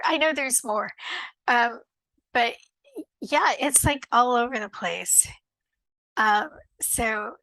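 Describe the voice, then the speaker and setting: A woman giving a casual tarot card reading, speaking in a searching way with frequent pauses and restarts. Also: fairly high pitch, vocal fry, pushed and bright, no echo, poor audio. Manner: slow and searching, many ums and restarts. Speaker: tarot reader.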